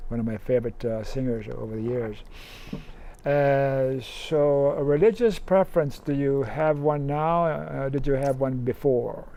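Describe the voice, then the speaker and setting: A man's voice: mid-range voice, measured pace, creaky, dark tone, slight background noise. A man hosting an interview, asking questions in a friendly, encouraging way with short responses. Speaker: interview host. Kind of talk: casual interview.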